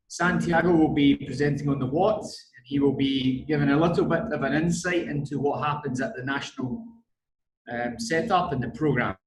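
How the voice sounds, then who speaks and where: A man with a broad Scottish accent giving an online strength and conditioning lecture, deliberate and repeating words for emphasis. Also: on the high side, echoey room, a little hiss or hum, low-quality recording.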